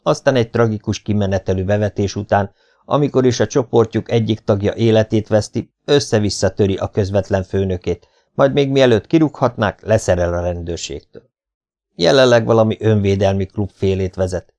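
A man's voice: fairly low pitch, darkish tone, natural voice. A man reading an audiobook, voicing an eager male officer who reads out a report. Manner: eager, announcing.

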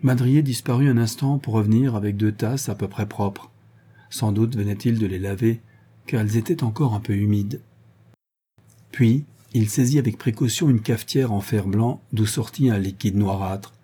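A man reading an audiobook in an even, measured narration. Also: lowish voice, husky. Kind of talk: scripted narration.

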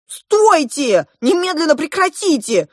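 A woman's voice: medium pitch, expressive, moderate pace, breathy edge, no room sound, studio quality, voice pushed up. A woman reading a storybook aloud and voicing an eleven-year-old girl heroine who scolds and commands. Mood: bossy.

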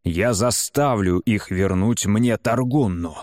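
A male narrator voices a stubborn, grieving warrior chieftain who speaks in a grim, slow, determined way. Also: fairly low pitch, a little mellow, no room sound, studio quality.

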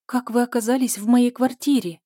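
A woman's voice: on the high side, fairly even intonation, brisk, warm tone, no echo, studio quality, pitched above the performer's own voice, lightly acted. A woman reading a novel aloud, voicing a frightened but stubborn young woman who pleads in a shaky voice. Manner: trembling, pleading.

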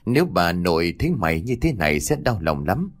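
A man voicing a worried young woman gently urging her grieving friend to eat, in a ghost story. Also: sits low, big pitch swings, a little fast. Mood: gently coaxing.

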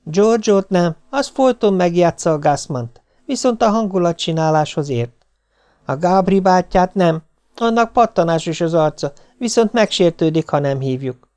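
A man's voice: sits high, animated, a little mellow, clear, resonant tone, pitched above the performer's own voice. A man voicing a moody, anxious sixteen-year-old girl who keeps changing her mind, in an audiobook reading. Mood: dithering. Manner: flustered, flip-flopping, sobbing.

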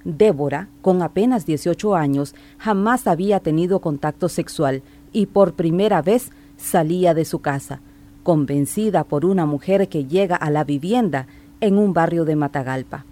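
A woman reading scripted narration for a radio report in a measured, solemn way. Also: on the low side, dark tone.

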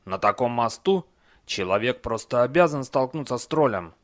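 A man voicing a slow-witted male troll in an audiobook, rambling and excitable. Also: mid-range voice, natural voice. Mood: nervous. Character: dim-witted male stone troll guarding a bridge.

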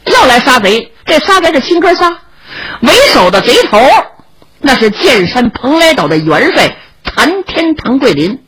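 A woman voicing a kind, chatty young male swordsman who coaxes and brags, with a raspy voice. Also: high-pitched, very animated, normal speed, a bit bright, low-quality recording. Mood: boastful. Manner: coaxing, chatty, a bit boastful.

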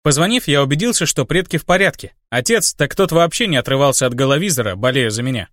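A man narrating a first-person audiobook in a steady storytelling manner. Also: mid-range voice, quick pace, no room sound, clean studio sound.

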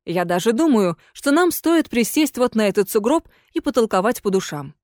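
A woman voicing a calm, courteous young gentleman who coldly outwits a ghost in a read-aloud story. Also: on the high side, moderate pace, no room sound, clean studio sound. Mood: coldly mocking. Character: cool, polite, scheming young gentleman. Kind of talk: audiobook character voice.

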